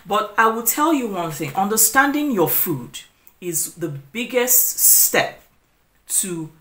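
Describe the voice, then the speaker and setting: Woman, forties, vlogger, casual rambling talk, middle pitch, echoey room. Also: sing-song, slow, sharp tone. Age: 40s. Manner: rambling, many restarts and "you know" fillers. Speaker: lifestyle vlogger.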